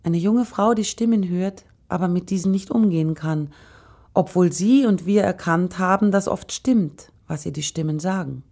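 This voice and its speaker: A woman narrating a literary story in calm first person. Her voice sits low and steady as she reads. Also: normal speed. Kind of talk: scripted narration.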